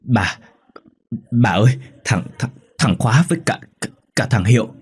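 Vai ông chồng già ở quê, bướng bỉnh, dễ hoảng, người đọc truyện nam thể hiện, giọng trầm. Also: male voice, deep voice, darkish tone, breathy edge. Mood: terrified. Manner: halting, stammering whispers when terrified. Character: elderly village husband, stubborn, easily frightened.

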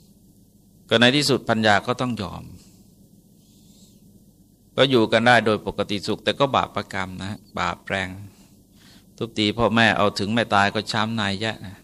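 Bright-voiced monk telling a sermon story. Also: male voice, on the low side, normal speed, long pauses. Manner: relaxed, conversational, polite particles, frequent hesitations. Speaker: Buddhist monk.

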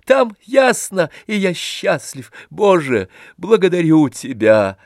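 An emotional nobleman in high, breathless outbursts, voiced by a man reading a classic novel. The lines rise sharply and come slowly, with a dry close sound. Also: big pitch swings, no echo, exaggerated voice. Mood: elated. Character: gentle middle-aged nobleman, overwhelmed with emotion.

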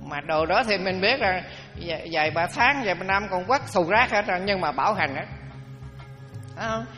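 A man's voice: sits high, animated, brisk, pushed and bright. An older male Buddhist monk, giving a dharma talk in a folksy, humorous storytelling way. His voice rings with long hall reverb and faint music behind.

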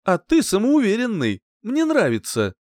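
A man's voice: high voice, huge pitch swings, normal speed, a little mellow, no echo, pitched above the performer's own voice. A man voicing a cheerful, cocky young knight who teases with a grin, in a dry audiobook reading. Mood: curious. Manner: teasing, playful grin in the voice.

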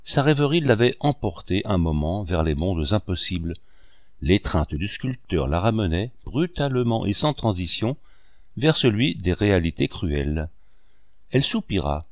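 Man reading an old novel out loud, low voice, lots of melody, dry close sound. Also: moderate pace, dry recording. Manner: expressive storytelling. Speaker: audiobook reader. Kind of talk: scripted narration of a novel.

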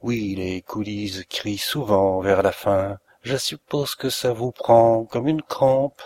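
A man's voice: fairly low pitch, fairly even intonation, darkish tone. A man reading a gloating, sneering villain. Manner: mocking, taunting, slow and deliberate. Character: cruel sneering male planter, middle-aged, gloating. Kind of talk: audiobook reading.

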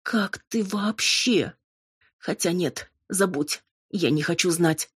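A woman reading an audiobook and voicing an angry, betrayed young cousin with a sharp, raised, accusing voice. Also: lowish voice, slow, breathy edge, dry recording, clean studio sound, full character voice. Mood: furious.

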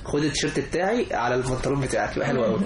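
A man's voice: medium pitch, animated, racing, over a noisy crowd. A young man with an Egyptian Arabic accent chatting casually and emphatically, often repeating his phrases. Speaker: guest. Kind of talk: casual chat. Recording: roomy echo, faint background noise.

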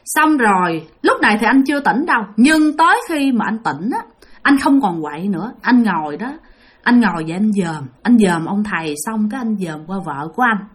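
A woman's voice: medium pitch, moderate pace, breathy edge. A woman telling a ghost story, speaking directly to her listeners. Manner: animated, addresses listeners directly.

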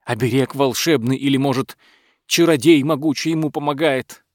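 A man's voice: medium pitch, moderate pace, darkish tone, no room sound, clean studio sound, natural voice. A man voicing a scheming, fawning male court butler who whines and pleads. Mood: wheedling. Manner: pleading, wheedling.

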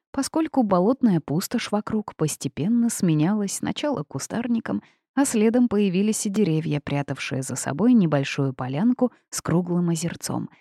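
A woman narrating a first-person audiobook in a measured, expressive storytelling manner. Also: lowish voice, breathy edge, no room sound, studio quality.

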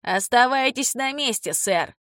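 A woman's voice: high voice, expressive, unhurried, a bit bright, dry recording, studio quality, pitched above the performer's own voice. Woman reading a barking male cop. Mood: commanding. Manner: barking, commanding. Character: stern male police officer, forceful. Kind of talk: audiobook character voice.

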